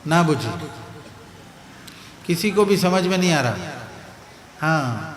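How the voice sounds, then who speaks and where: Speaking with a Pakistani Urdu accent, the guest preacher has a slightly high voice with wide pitch swings, heard in an echoey big room with a little hiss or hum. His sermon at the religious gathering is built on parables and repeated key phrases, and he constantly asks listeners if they follow.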